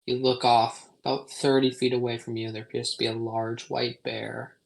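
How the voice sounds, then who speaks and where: A man runs a tabletop game, describing the scene in a measured way, pausing and filling gaps with ums. His voice sits at a middle pitch and sounds close to a streaming microphone. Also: little pitch movement, creaky, low-quality recording. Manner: unhurried, descriptive narration with pauses and ums. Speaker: game master.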